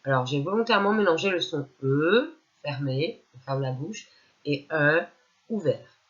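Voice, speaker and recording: A woman's voice: deep voice, expressive, normal speed, lo-fi sound. A woman teacher giving a reading lesson to young children, patiently sounding out syllables one by one.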